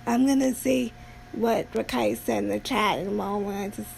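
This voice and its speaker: A woman streamer chatting casually on a livestream in a halting way, often pausing mid-sentence. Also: medium pitch, fairly even intonation, gravelly, a little mellow, a little hiss or hum. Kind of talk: casual rambling livestream talk.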